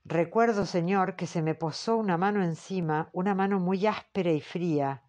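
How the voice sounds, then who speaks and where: A woman's voice: on the low side, moderate pace, muffled recording, close to an everyday voice. Woman reading a frightened young witness. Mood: fearful. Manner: hesitant, soft, answers briefly. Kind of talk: audiobook character reading.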